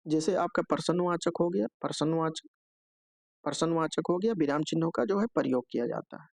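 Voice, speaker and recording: A man's voice: on the high side, fairly quick, gravelly, a little mellow, dry recording. A man teaching an exam-prep lesson, explaining step by step, often filling with a stock phrase and checking in with "okay" between points. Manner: explanatory, repeats filler "jo hai" often.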